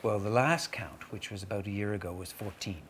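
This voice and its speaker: A man's voice: fairly low pitch, a little fast. A man hosting a live children's event, explaining things in formal, wordy, articulate phrases. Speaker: event host. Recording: noisy live room.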